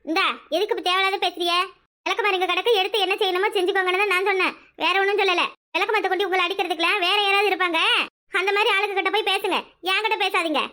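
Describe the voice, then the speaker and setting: A woman voicing a put-upon village daughter-in-law in a cartoon, complaining and sharp-tongued, with a Kanyakumari Tamil accent. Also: very high voice, steady tone, racing. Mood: grumbling. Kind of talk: cartoon voice acting.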